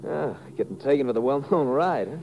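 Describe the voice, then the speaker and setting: A man's voice: mid-range voice, lively intonation, fairly quick, lo-fi sound, lightly acted. An American man playing a folksy army sergeant with a slangy, blunt way of talking in a 1950s radio drama. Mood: amused. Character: folksy, easygoing male army sergeant at checkpoint. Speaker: supporting actor. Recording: noisy vintage radio recording.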